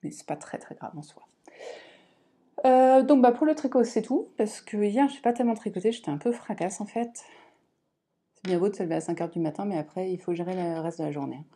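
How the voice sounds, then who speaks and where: A woman in her thirties talks through her week of crafting at home. Her voice is mellow and relaxed, and she rambles with many fillers and self-deprecating asides. It sounds like a casual camera-mic recording. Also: mid-range voice, fairly quick, husky. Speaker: crafting vlogger. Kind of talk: casual chat.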